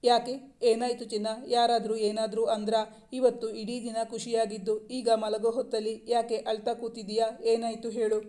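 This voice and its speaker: A woman reading the part of a gentle, doting young husband in a storybook, speaking in a softly pleading, affectionate way. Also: a little high, flat delivery, moderate pace, lightly acted. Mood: coaxing.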